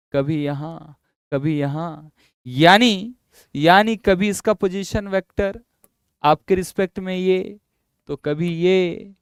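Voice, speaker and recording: A man teaching physics in a classroom lecture. He explains slowly and repeats himself, coaxing his students along. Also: a little high, clean tone, dry recording, clean studio sound. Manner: drawn-out, repetitive explaining, coaxing students with "yaar" and "bhai".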